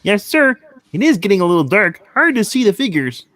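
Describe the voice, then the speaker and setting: A man performing a put-upon clerk in a radio play, eager to please and timid. The voice is bright and swings widely, always deferential and jumpy. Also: sits high, very animated, a little fast, no echo. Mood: timid, hopeful. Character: meek, eager, put-upon male clerk Bob Cratchit. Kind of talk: theatrical radio play reading.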